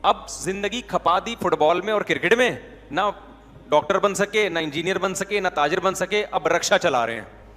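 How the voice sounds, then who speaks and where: A male preacher delivers a conversational Urdu sermon, often putting questions to his listeners. His high, slightly bright voice has lively intonation, and a long reverb tail trails behind it.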